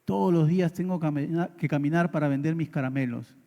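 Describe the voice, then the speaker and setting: A man, a preacher, quietly voicing a poor old woman vendor who sounds soft and resigned. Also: fairly high pitch, brisk, vocal fry, muffled recording. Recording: long church reverb.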